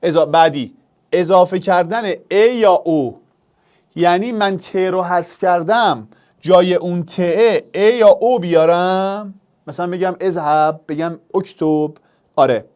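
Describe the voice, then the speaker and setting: A young man teaching an exam review lesson, animated and talking straight to the student with rhetorical questions. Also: high-pitched.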